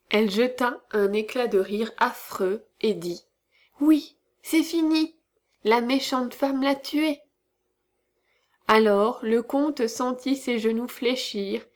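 A woman narrates a classic novel in a measured, dramatic reading. Her voice sits a little high and she takes her time over each phrase.

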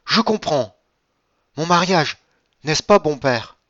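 A tender young woman pleads in a raised, higher voice, earnest and close to tears, as a male reader puts her on. The sound is dry and a little dull. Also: normal speed, fairly bright tone, no echo, close to an everyday voice. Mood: eager.

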